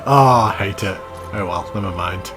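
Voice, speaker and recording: A man's voice: on the low side, moderate pace, poor audio. A man hosting a gaming channel, giving a chatty, self-mocking commentary voice-over and laughing at himself. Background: background music.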